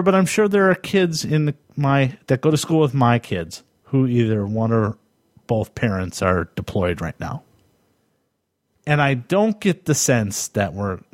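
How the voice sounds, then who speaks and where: A man in his forties from the United States, hosting a solo podcast and reflecting aloud in a thoughtful, halting way, pausing to find his words. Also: medium pitch, no echo, studio quality. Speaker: podcast host.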